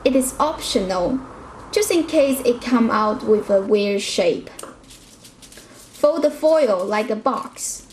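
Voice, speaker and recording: Woman, home cooking vlog, chatty, direct, higher voice, light background noise. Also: lively intonation, slow, darkish tone, poor audio. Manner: non-native phrasing, chatty and direct. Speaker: cooking vlogger. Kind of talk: casual cooking tutorial. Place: home kitchen.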